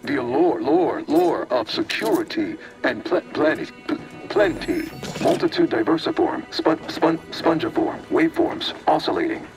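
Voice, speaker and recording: Glitching, stuttering AI computer. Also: male voice, fairly high pitch, very animated, normal speed. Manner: clipped, mechanical, stuttering in loops. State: glitching, stuck repeating broken syllables. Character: malfunctioning male AI supercomputer, stuttering and glitching. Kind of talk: video game dialogue. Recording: distant game audio with music behind.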